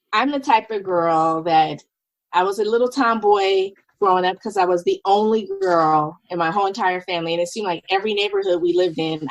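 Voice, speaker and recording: A woman in her fifties, a nurse and business owner appearing as a podcast guest, tells her story conversationally in a lively, animated manner, acting out what people said. Her voice is lowish, and the audio is poor but has no echo.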